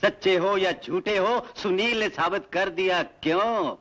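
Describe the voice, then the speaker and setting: An actor playing a corrupt, gloating crime-branch police officer in a dubbed film drama. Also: male voice, sits high, unhurried, fairly bright tone, poor audio. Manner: gloating, taunting, theatrical. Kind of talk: Hindi-dubbed film acting.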